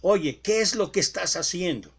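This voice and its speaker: A man's voice: high-pitched, animated, normal speed, breathy edge, voice pushed up, heavily acted. A male preacher voicing a mocking, ironic male elephant in a spoken fable. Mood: calling out.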